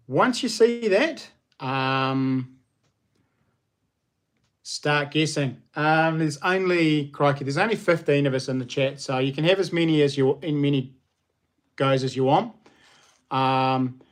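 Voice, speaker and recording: A man with a broad New Zealand accent hosting a casual livestream, chatting to viewers in an informal, slangy, matey way. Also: a little high. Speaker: livestream host.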